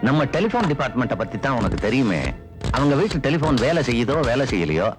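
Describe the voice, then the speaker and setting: An actor plays a skeptical editor in a 1990s film, brushing off his reporter with a tone that swings widely. Film music plays clearly behind his voice. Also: mid-range voice, sing-song, fast talker, close to an everyday voice. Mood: dismissive. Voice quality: dismissive, skeptical.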